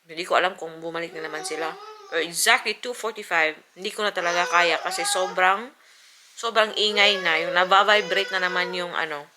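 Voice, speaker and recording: A woman from the Philippines, a mother and vlogger, telling a story in a chatty, animated way to her camera at home. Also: fairly low pitch, brisk. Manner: chatty, animated retelling with acted-out quotes. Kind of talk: casual vlog storytelling. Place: home indoors. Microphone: camera mic. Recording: home video with noticeable background noise.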